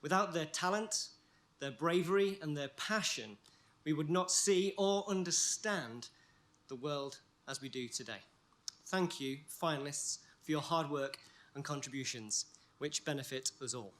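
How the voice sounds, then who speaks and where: A man reads a prepared award presentation from a stage in a measured, formal way. His voice sits a little high. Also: fairly bright tone. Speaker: sponsor presenter. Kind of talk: scripted award presentation speech.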